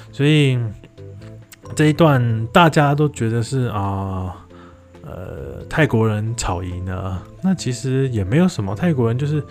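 Man, casual commentary, fillers and restarts, slightly low pitch, faint background music. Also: gravelly. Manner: relaxed, many fillers and restarts.

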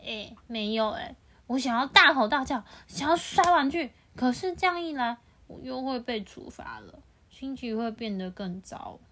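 A woman's voice: a little high, expressive, normal speed, sharp tone. A woman voicing an upset young boy from a storybook, complaining in a sulky way.

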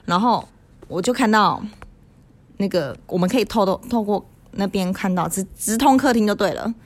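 A woman's voice: medium pitch, fairly quick. A woman in her thirties from Taiwan, co-hosting a casual podcast and telling childhood ghost stories, acting out quoted voices. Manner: animated storyteller acting out quoted voices, laughs often. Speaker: podcast co-host.

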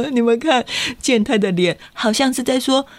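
A woman reading a picture book aloud to children, lively and playful, asking them questions. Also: high-pitched, takes it slowly, no echo, clean studio sound. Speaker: storyteller for children.

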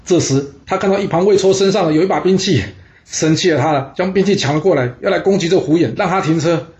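A man telling a historical story in a lively, conversational way, with rhetorical asides. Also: a little high, quick pace, highs cut off.

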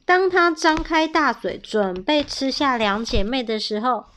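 High-voiced woman reading a picture book. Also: lively intonation, a little slow, a bit bright. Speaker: storyteller.

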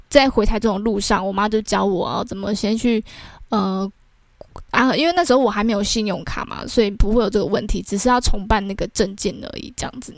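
In a clean studio recording with no echo, a young podcast host with a Taiwanese Mandarin accent chats through a personal story. Her pitch is medium, and she tags her sentences with fillers.

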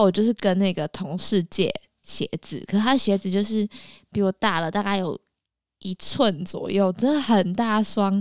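A woman's voice: medium pitch, clean tone, dry recording, clean studio sound. A woman co-hosts a casual podcast. She tells chatty stories, giggles and acts out what people said. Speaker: podcast co-host and bus conductor.

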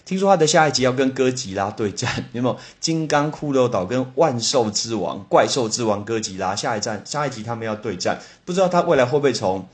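A man with a Taiwanese Mandarin accent hosting a casual solo podcast lesson, chatting with lively exclamations and spelling out English words letter by letter. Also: mid-range voice, brisk, hardly any pauses.

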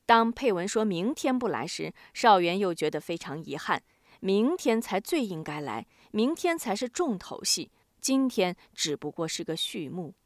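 A woman narrating a novel chapter as a scripted audiobook, switching her pitch for each family member in the dialogue. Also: normal speed, no room sound, clean studio sound. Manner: voices the family's dialogue with lively pitch shifts.

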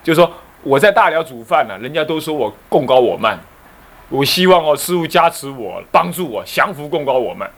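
A man, a Buddhist abbot giving a dharma lecture with animated storytelling and rhetorical questions. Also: fairly high pitch, a little fast.

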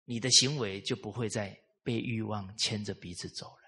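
A man giving a live lecture on traditional culture, telling lively stories and putting rhetorical questions to the audience. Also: fairly low pitch, moderate pace, slightly rough.

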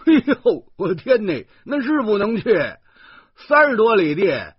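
A man's voice: very animated, a little slow, husky, dry recording, dull audio, heavily acted. A man voicing a brash, mocking male tourist who stammers and flares up easily, in an audiobook. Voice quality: stammering, shrill. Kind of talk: audiobook character voice.

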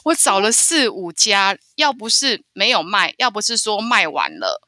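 A woman from Taiwan, telling a travel story as a podcast guest in an animated way, often stammering and repeating words. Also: mid-range voice, normal speed, no room sound, studio quality. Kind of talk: casual storytelling interview.

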